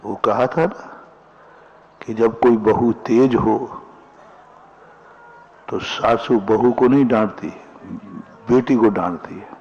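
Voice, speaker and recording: A man giving a Jain sermon as a monk, speaking in a slow storytelling manner and acting out quoted lines and folk sayings. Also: lowish voice, a little mellow, highs cut off.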